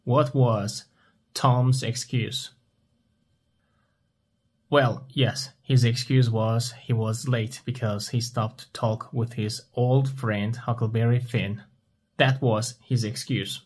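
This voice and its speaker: A man teaches at a very unhurried pace. His voice is husky and mid-pitched. He asks a question, pauses, and then answers it himself in simple words. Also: fairly even intonation. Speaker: English teacher. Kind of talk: slow question-and-answer language lesson.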